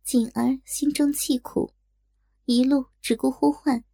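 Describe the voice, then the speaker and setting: A woman narrating a story in a slow, deliberate storytelling manner. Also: high-pitched, fairly even intonation, creaky, warm tone, slightly rough, no room sound, clean studio sound.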